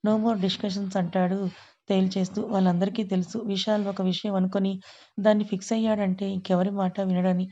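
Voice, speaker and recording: A woman narrating an audio story in a steady, even storytelling manner. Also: medium pitch, a little fast, highs cut off.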